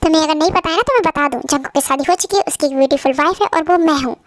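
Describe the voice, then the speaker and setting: A woman voicing a jealous, sharp-tongued young wife in an amateur fan dub, scolding and confrontational. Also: high voice, rapid-fire, no room sound, studio quality, natural voice. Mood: accusing.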